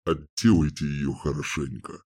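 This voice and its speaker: A man reading an audiobook, voicing a cruel, brutish male bandit leader in a low, menacing growl. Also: steady tone, normal speed, darkish tone. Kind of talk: audiobook character voice.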